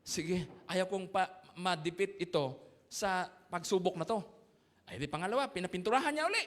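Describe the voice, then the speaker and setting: Filipino pastor guy, super high voice, joking sermon story, big church echo. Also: lively intonation, moderate pace, a bit bright. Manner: storytelling with jokes, acts out voices, laughs along. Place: church sanctuary. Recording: long church reverb.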